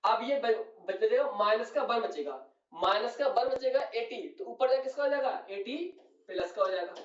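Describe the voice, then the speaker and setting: A man's voice: very high voice, animated, normal speed, distant mic. A male chemistry teacher, explaining a lecture at the board and checking again and again that his students follow. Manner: addresses students as "beta", keeps asking "clear?". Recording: echoey room, voice off-mic, dull sound.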